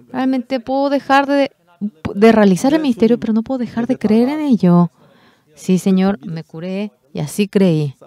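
Animated, mellow-voiced sermon interpreter. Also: medium pitch. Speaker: interpreter for a pastor.

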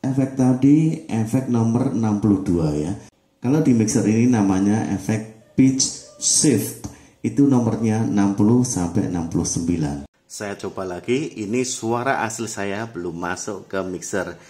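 A man's voice: lowish voice, measured pace, mellow, echoey room. A man giving a hands-on audio mixer tutorial, explaining methodically and counting off mic tests. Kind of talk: hands-on equipment demonstration.

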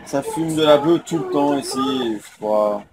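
High-pitched young French man vlogging. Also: measured pace, noisy background. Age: young adult. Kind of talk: casual handheld travel vlog chat. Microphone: handheld phone.

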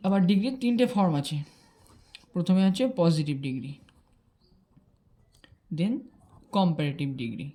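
A woman's voice: lowish voice, expressive, normal speed, long pauses, warm tone. A woman explaining grammar rules step by step, patiently checking that her students follow. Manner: patient, checks in with "ঠিক আছে?", mixes English terms into Bengali. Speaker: English grammar teacher.

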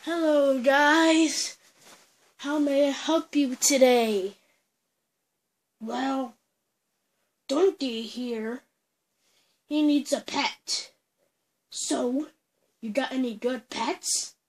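A high, light voice talks through a toy play scene at home, acting out each character in turn. The delivery is unhurried and halting, with long gaps between phrases. The tone stays playful and improvised throughout. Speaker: toy play storyteller voicing all characters.

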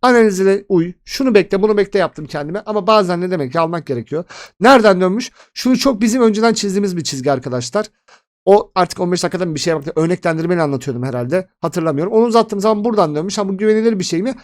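A man hosting a casual crypto chart analysis, chatty and excitable, talking straight to his viewers. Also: high voice, very fast. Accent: Turkish. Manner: excitable, chatty, addresses viewers as friends and 'abi'.

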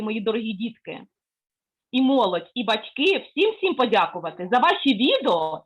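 A woman music teacher leading an online lesson for children over a video call, coaxing and praising them as she gives gentle instructions. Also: on the high side, low-quality recording.

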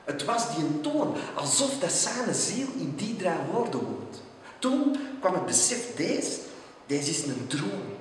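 Male reciter, Antwerp Flemish accent, slow and theatrical, moves into hushed tones; distant, very echoey outdoor recording. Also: sits high, sing-song, a little hiss or hum. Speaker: poetry reciter. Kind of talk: dramatic poetry recital. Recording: echoey, distant, long reverb.

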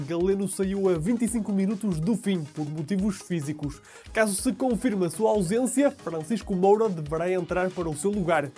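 A man with a European Portuguese accent, presenting football news in a steady scripted read. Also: high-pitched. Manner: steady, measured read of sports headlines.

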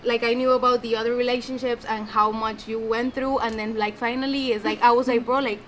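Her voice on the high side and her pace brisk, a young woman from a Spanish-speaking Colombian background fumbles for English phrases during a warm toast by the pool, hands moving expressively. Party noise of guests chatting and laughing runs behind her.

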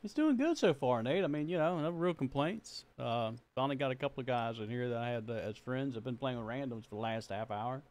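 A man's voice: medium pitch, a little fast, few pauses. Folksy man streaming a shooter game. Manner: folksy, joking, greets friends warmly. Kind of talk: casual live-stream chat while gaming.

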